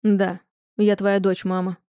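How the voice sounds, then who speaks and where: A woman voicing a gentle, soft-spoken young mother. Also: medium pitch, little pitch movement, slow pace, dry recording, studio quality, lightly acted.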